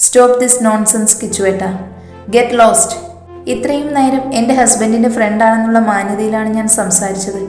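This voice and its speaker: A woman's voice: fairly high pitch, fairly even intonation, unhurried, a little mellow, natural voice. A woman voicing a young wife and mother who stands up fiercely to a man, in a roomy recording with faint music. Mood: indignant. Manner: indignant, pleading.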